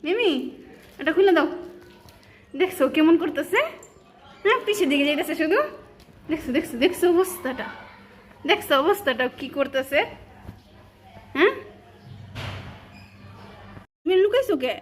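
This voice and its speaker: A woman's voice: sits high, normal speed, pauses often, a little hiss or hum. A woman, talking to her cats at home in coaxing, sing-song baby talk as she films them. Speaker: cat owner filming her pets. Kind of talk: casual talk to pets while filming.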